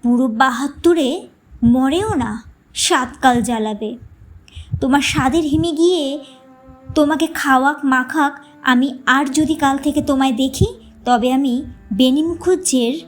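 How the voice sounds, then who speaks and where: A woman voicing a sharp-tongued, exasperated middle-aged wife who scolds sarcastically, in a storybook reading. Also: sits high, expressive, measured pace. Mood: indignant.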